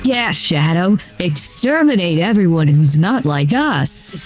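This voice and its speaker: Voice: medium pitch, measured pace, faint music behind. A streamer talking through a voice changer, chatting casually while playing a video game, with a loose, rambling delivery full of "uh" and "like". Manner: rambling, relaxed, with many "uh" and "like" fillers. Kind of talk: casual gameplay commentary.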